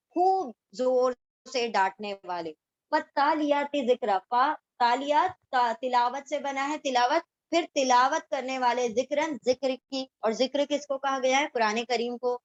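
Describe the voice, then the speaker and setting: Reciting Quran verses slowly, a high-pitched woman then translates them word by word, explaining in casual speech that mixes in English words. The recording is lo-fi and free of echo.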